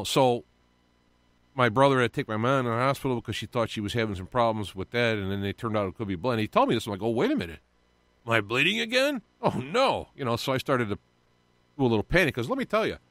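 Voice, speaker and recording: A man's voice: on the low side, dry recording. A man hosting a live audio-only radio show, talking in a rambling, confiding way with many fillers and restarts.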